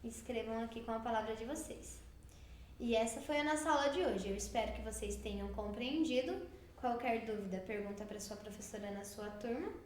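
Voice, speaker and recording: Brazilian lady teacher going thru a worksheet for kids, high voice, slow and patient, echoey room w/ a bit of hiss. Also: darkish tone. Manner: slow, patient, explaining step by step. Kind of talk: recorded remote class walkthrough.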